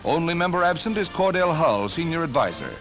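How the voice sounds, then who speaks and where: On a dull-sounding 1940s newsreel soundtrack backed by orchestral music, a man from the United States briskly narrates a scripted wartime segment. He speaks in a somewhat high voice with wide pitch swings, in a forceful, dramatic announcer's manner.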